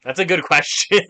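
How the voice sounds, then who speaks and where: A man's voice: mid-range voice, sharp tone. A man streaming a video game, chatting casually with his viewers, rambling and joking and swearing often. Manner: rambling, joking, swears a lot while reading chat. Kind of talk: casual gaming stream chat.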